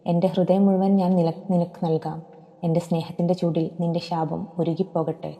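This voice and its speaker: A woman voicing a calm, steadfast young man. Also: fairly low pitch, brisk, lightly acted. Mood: calm tender. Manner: calm, gentle. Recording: long hall reverb.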